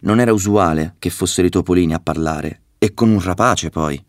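A man narrating a children's story in a steady, measured way. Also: low-pitched, no echo, studio quality.

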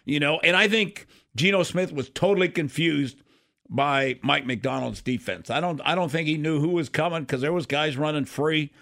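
A man's voice: on the high side, moderate pace, creaky, fairly bright tone. A man co-hosting sports radio, giving casual football analysis in an emphatic, repetitive, conversational way.

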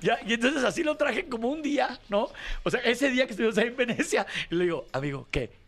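A man's voice: very high-pitched, quick pace, fairly bright tone. A middle-aged man with a Mexican accent hosting a casual chat and telling stories, acting out the quoted dialogue. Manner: storytelling, acts out quoted dialogue. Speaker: host.

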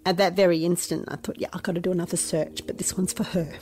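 A middle-aged Australian woman, a mother speaking about her missing teenage son in an interview, soft and halting, sometimes dropping to a near whisper. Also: lowish voice, level tone, a little hiss or hum. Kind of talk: emotional interview testimony.

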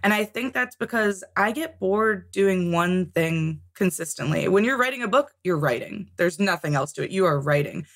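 A woman's voice: on the low side, expressive, moderate pace, few pauses. A woman guest in a casual interview, talking about tabletop games, chatty with frequent laughs and ums. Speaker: podcast guest, tabletop game author.

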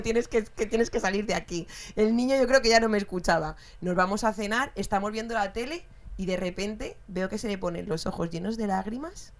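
A woman in her thirties tells a story about her family in relaxed chat. She keeps breaking into laughter as she tells it, in a voice of middling pitch. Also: slight background noise. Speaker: guest. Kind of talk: casual chat.

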